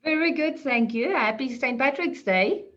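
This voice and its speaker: A woman's voice: sits high, expressive, normal speed, fairly bright tone, dull audio. A woman speaking as an attorney panelist in an online discussion over a video call. She is chatty and self-deprecating, explaining points at length.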